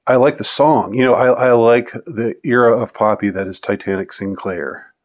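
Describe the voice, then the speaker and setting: With a medium-pitched voice, a man in his fifties responds to viewer questions without a script. He talks casually and rambles, pausing haltingly and leaving thoughts to trail off.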